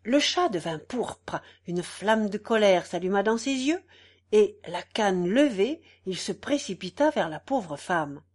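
A woman reading a story aloud as the narrator, in a measured and expressive way. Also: medium pitch. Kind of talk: audiobook reading.

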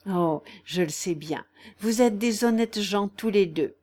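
A woman reading aloud, voicing a gentle, candid young peasant girl in mourning, with an earnest manner. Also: medium pitch, unhurried, lightly acted.

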